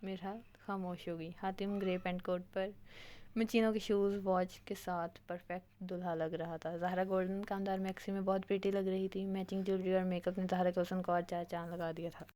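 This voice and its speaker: A woman narrating an audio novel in a steady, plain reading manner. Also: lowish voice, moderate pace.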